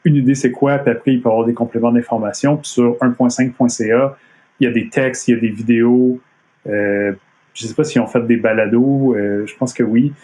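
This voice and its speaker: Montreal French man presenting from home, mid-pitched, casual, lots of hesitations. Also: steady tone, fairly quick, dark tone. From Quebec. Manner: hesitant, many fillers and restarts. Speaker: comic artist giving a talk. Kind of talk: casual live-streamed presentation. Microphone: computer mic on a video stream.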